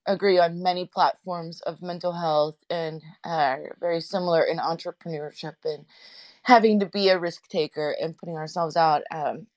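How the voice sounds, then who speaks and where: A low-voiced woman therapist talks through her phone's speaker. The sound is dry, with no room around it. She rambles loosely, with fillers and self-corrections. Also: dry recording. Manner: rambling, many fillers and restarts. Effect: talking on phone speaker. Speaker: therapist and radio show host. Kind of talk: casual live audio-room panel chat.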